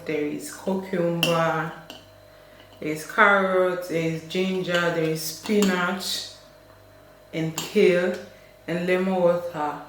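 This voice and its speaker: Nigerian girl vlogging from her kitchen, kinda low voice, chatty n rambly, super echoey room. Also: slight background noise. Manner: chatty, rambling, giggles between phrases. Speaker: YouTuber, channel host. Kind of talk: casual chatty vlog. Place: home kitchen, indoors.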